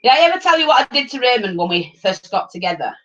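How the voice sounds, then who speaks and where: A middle-aged woman with an English accent chatting casually and telling anecdotes in a blunt, animated way on a livestream. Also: fairly high pitch, quick pace. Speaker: livestream host. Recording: dull lo-fi livestream audio.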